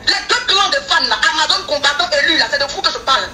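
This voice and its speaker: A woman scolding fans in a live video, fast and pointed. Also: high voice, sharp tone. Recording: far-off echoey live-video audio with faint noise.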